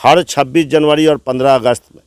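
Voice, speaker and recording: A man's voice: medium pitch, steady tone, fairly quick, smooth, no room sound, studio quality. A man running for village council, eagerly laying out his plans in an interview at a gathering. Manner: eager, assenting, lists plans. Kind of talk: interview answers.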